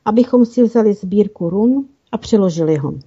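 Woman voicing a steady young boy, storybook reading, warm mellow voice, husky, dull lo-fi sound. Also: mid-range voice. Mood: confident. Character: young boy, a wolf-den student, calm leader. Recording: dull lo-fi recording.

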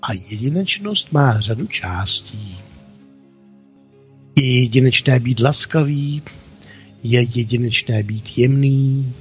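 A man voicing God in a story as a calm, patient father figure, speaking slowly and reassuringly. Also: medium pitch, highs cut off, faint music behind, lightly acted. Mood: gentle. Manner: slow, soft, reassuring.

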